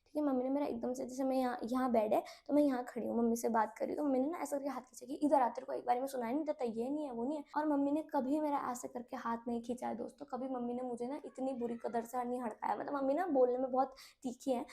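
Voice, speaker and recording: A young woman telling a personal story in a casual, animated way, often turning to talk straight to her viewers. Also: sits high, fast talker, hardly any pauses. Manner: animated, addresses viewers as friends. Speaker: YouTuber.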